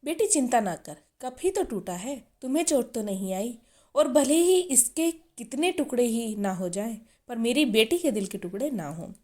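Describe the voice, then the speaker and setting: A woman reading the lines of a kind, loving middle-aged mother-in-law in a storybook, with a soft, reassuring manner. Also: fairly high pitch, animated, moderate pace.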